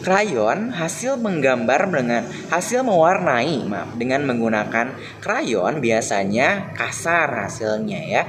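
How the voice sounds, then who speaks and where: A young man teaches a lesson to young children. He talks cheerfully, stretches his words slowly and acts out the example sentences. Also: mid-range voice, very animated. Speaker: primary school teacher. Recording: noisy home recording.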